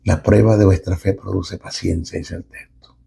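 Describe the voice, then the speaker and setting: A middle-aged man preaching a sermon as a pastor, emphatic and with dramatic pauses. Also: low voice, little pitch movement, gravelly, mellow, breathy edge.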